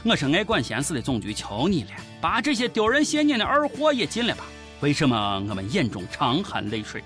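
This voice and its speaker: A man's voice: fairly high pitch, wildly swooping pitch, brisk, fairly bright tone, faint music behind. A man with a Shaanxi accent giving comic news commentary in a mocking, colloquial, sarcastic way. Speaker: host of a satirical news show.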